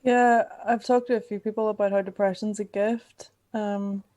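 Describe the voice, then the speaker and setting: A woman's voice: medium pitch, steady tone, moderate pace, dark tone. A woman from Northern Ireland interviewing her podcast co-host in a chatty, rambling way, asking lots of questions. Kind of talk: casual chat interview.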